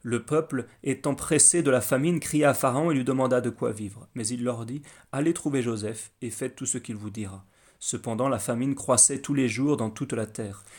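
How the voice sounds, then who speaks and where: A man reading a Bible story aloud as scripted narration, in a measured way with small slips. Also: medium pitch, darkish tone. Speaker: Bible reader.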